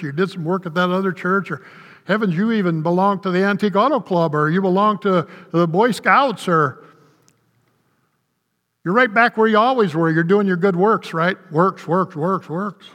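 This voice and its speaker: Older pastor in a reverberant church. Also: male voice, high-pitched, fairly bright tone. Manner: folksy, conversational preaching with quick asides to the congregation. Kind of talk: sermon. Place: church sanctuary. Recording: long reverb of a church hall.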